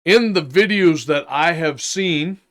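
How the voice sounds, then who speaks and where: An older man giving an unscripted, indignant opinion rant, halting and deliberate, with long pauses and emphatic repetition. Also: a little high, a bit bright. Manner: indignant, emphatic, repeating phrases. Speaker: vlogger giving his opinion.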